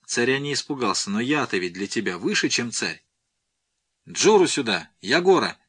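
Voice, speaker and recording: A man's voice: medium pitch, animated, a little fast, pushed and bright, breathy edge, no room sound, clean studio sound. A man voicing a cold, menacing male rebel warlord who broods aloud and barks orders. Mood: brooding.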